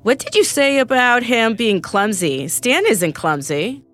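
A woman reading Stevie, excitable and indignant. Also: medium pitch, unhurried, faint music behind, pitched above the performer's own voice. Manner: stammering, rising indignation. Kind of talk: storybook character reading.

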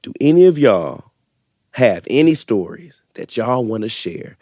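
A man's voice: medium pitch, big pitch swings, unhurried, dark tone, no room sound, studio quality. A man co-hosting a podcast with casual, slangy, joking banter. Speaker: podcast co-host.

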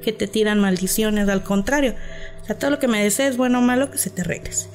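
Soft background music accompanies a woman with a Mexican Spanish accent as she animatedly tells a personal story on a podcast. Her voice is medium-pitched and a little fast, and she acts out the voices of the people in it.

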